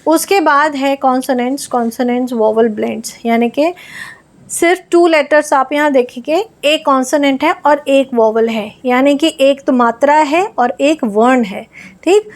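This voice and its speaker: High-voiced woman teaching phonics. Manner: patient, sounds out letters slowly one by one. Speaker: English reading teacher. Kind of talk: explaining phonics lesson.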